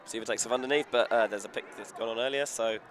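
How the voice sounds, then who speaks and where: A man commentates a frisbee match live from the sideline at a racing pace, his mid-range voice holding a steady tone. His present-tense calls flow along and climb as the play heats up, while crowd and traffic noise fill the outdoor background.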